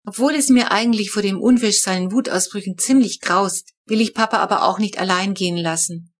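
Woman reading a lively children's story. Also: mid-range voice, brisk. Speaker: audiobook narrator. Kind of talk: first-person storybook narration.

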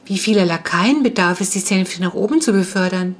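A woman's voice: medium pitch, moderate pace, lightly acted. A woman reading the part of a polite vampire boy who slept for centuries, speaking in a courtly, archaic, wondering manner.

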